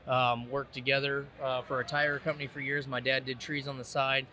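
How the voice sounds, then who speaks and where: A man's voice: mid-range voice, little pitch movement, fairly quick, pushed and bright, a little hiss or hum. A man from Iowa who works as a tree care instructor and business owner, telling stories in a laid-back, plainspoken way during a casual podcast chat. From Iowa, USA.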